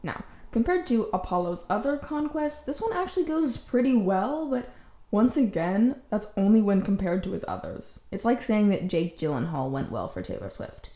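Mellow woman podcaster in an echoey empty room. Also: mid-range voice, big pitch swings, moderate pace. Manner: wry, playful teasing with sarcastic asides. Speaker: podcast host. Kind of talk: casual, chatty comedic storytelling. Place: indoors, empty room in a new home.

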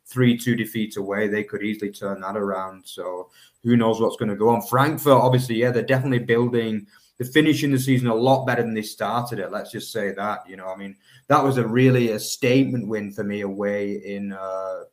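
A man's voice: lowish voice, fairly even intonation, fairly quick. A man co-hosting a football podcast, talking in a rambling way with many fillers like "obviously" and "you know". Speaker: podcast co-host. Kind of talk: casual football chat.

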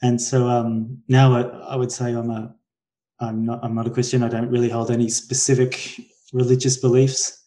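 Warm and mid-range, a forties-aged man's voice carries a Queensland Australian accent as he guests on a casual podcast interview from Brisbane. The delivery is flat at normal speed, and he's hesitant, frequently self-correcting, rephrasing, and trailing off mid-thought.

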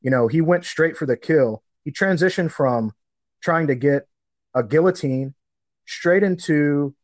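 A man's voice: on the high side, unhurried. A man co-hosting a podcast, chatting casually and conversationally about fights. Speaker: podcast co-host. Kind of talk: casual sports chat.

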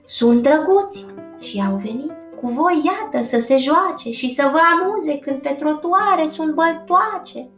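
A woman's voice: sits high, animated, soft background music, pitched above the performer's own voice. A woman doing a showy mischievous cat. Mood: soothing. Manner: showy, coaxing. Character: boastful, mischievous cat in a hat.

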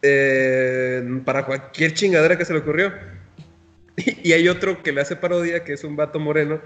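A man's voice: fairly high pitch, steady tone, moderate pace, fairly bright tone, muffled recording. A young man with a Guadalajara Mexican accent, co-hosting a podcast in casual, profane chat and laughing often as he talks. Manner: slangy, profane, laughs often while talking. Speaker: podcast co-host.

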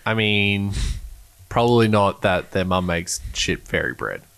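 A man's voice: lowish voice, expressive, measured pace, gravelly, fairly bright tone, clear, resonant tone. A man in his thirties with an Australian accent, co-hosting a casual sports chat with dry, wry banter. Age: 30s. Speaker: podcast co-host.

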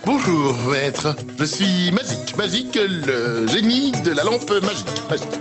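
An actor playing a flamboyant, servile genie of a magic lamp, theatrical and obsequious, for a TV game show. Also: male voice, sits high, sing-song, moderate pace. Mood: grand, fawning. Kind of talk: fantasy TV game show acting. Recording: music over the voice.

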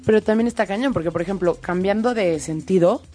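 A woman hosts a relaxed talk, her voice mid-pitched. She is chatty and playful and keeps the questions coming. Soft music plays underneath. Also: fast talker. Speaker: host. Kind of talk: casual chat.

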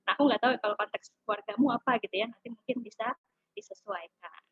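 Fast-talking husky young woman. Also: on the high side, no echo. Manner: animated storytelling with fillers. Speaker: panel guest. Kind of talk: casual chat. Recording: dull lo-fi sound.

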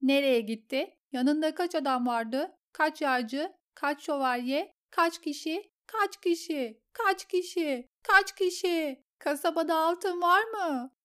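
A woman voicing a fierce young girl who fires off high, frantic questions. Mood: frenzied. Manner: high, rapid-fire shouted questions.

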